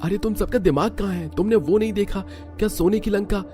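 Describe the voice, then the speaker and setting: A man's voice: high voice, brisk, over music, natural voice. A man voicing a bold, eager young man exploring with friends in a cartoon. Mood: excited.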